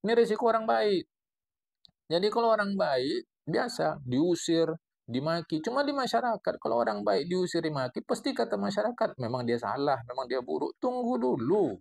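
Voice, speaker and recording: Animated gravelly man with a Medan accent. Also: high voice, moderate pace. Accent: Medan Malay. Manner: lively, digressive, playful wordplay while explaining text. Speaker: religious teacher. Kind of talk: classical Islamic text study lesson.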